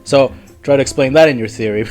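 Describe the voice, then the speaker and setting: A man co-hosting a podcast in casual chat, animated and quick to laugh, often trailing off mid-sentence. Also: medium pitch. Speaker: podcast co-host.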